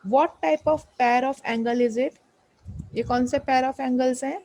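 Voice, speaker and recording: A woman's voice: high voice, steady tone, extremely slow, a little mellow, no room sound, low-quality recording. A woman math teacher explaining a lesson, patiently repeating questions and prompting students to answer.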